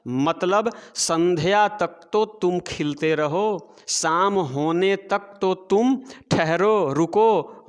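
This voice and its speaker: A male teacher explaining a poem to students, reading verse lines slowly and then explaining them, repeating words for emphasis. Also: fairly high pitch, in a large hall. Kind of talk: poetry lesson explained to students.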